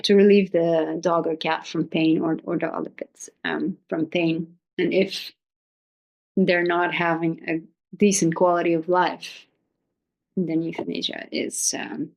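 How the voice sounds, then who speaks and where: A woman with a fairly low voice and plenty of vocal fry hosts an informal video. She speaks unscripted in a gently consoling way, often hesitating and letting thoughts trail as she searches for words. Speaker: video host giving pet-loss advice. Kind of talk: informal, unscripted talk to viewers.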